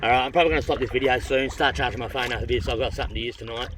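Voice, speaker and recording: A man's voice: mid-range voice, very fast. An Australian man with a blokey, tradesman-like way of talking, chatting casually to camera in a laid-back, rambling, thinking-aloud manner as he paddles. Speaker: vlogger. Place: outdoors on a canoe on open water. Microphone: phone propped up in front of him. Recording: distant phone mic, clear wind and water noise.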